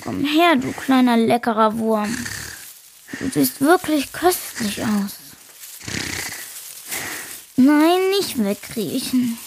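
A greedy hedgehog in a children's audio story drawls about a tasty worm, as a woman acts it out. The voice sits high and moves very slowly. Faint noise hums behind it. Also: expressive, gravelly, full character voice.

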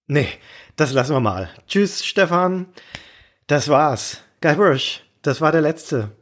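A man's voice: a little high, animated, takes it slowly, fairly bright tone. A man hosting comedic scripted banter, playful and mock-exasperated. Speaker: host.

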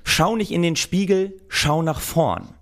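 A man with a somewhat high voice banters on a comedy podcast. He sounds mock-solemn, repeating his slogans as if they were grand laws, and he rambles as he builds up each point. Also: very animated, unhurried. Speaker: podcast co-host.

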